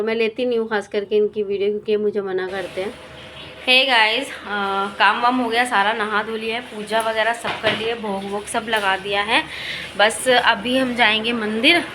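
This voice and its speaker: A young woman vlogger and housewife chatting casually and quickly while narrating her home routine. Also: mid-range voice, fairly bright tone, slight background noise. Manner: chatty, fast-talking.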